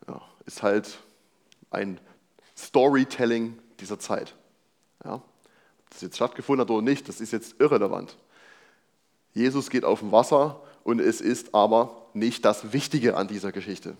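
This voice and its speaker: A man's voice: on the low side, normal speed, long pauses, darkish tone. A young man preaching a sermon, reading a Bible passage and explaining it in a casual, conversational way with rhetorical questions.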